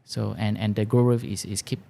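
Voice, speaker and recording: Malaysian guy founder in an interview, lowish gravelly voice, halting, repeats words, loose grammar. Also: steady tone, mellow. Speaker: business founder being interviewed. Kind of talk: interview conversation.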